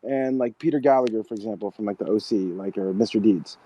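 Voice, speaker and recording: A man's voice: fairly low pitch, fast, warm tone, highs cut off. A man hosting a casual chat, who tells rambling jokey stories and laughs often. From United States. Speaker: host. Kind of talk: casual chat on a live audio room.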